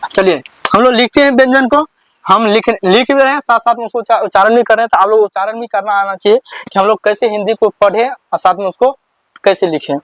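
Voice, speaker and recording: A male Hindi teacher with a high, fairly bright voice slowly teaches the alphabet the way he would in a classroom. He asks "what will we read?" and responds himself, repeating questions back to students and counting slowly. It is recorded up close and completely dry, without room echo.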